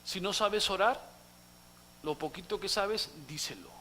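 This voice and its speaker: A male pastor preaching a sermon dramatically, acting out quotes and swinging from loud outbursts to hushed asides, in a church. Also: high-pitched, a little slow, slight background noise.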